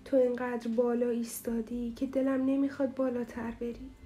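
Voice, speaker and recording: A tearful, clinging mother in an audio novel speaks through a muffled, choked throat, as a woman narrator puts her on. Her pleading is soft and dark, held to a narrow, even line of pitch, with faint music underneath. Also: close to an everyday voice. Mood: grieving, pleading. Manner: pleading, sorrowful. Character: grieving middle-aged mother, tearful and clinging.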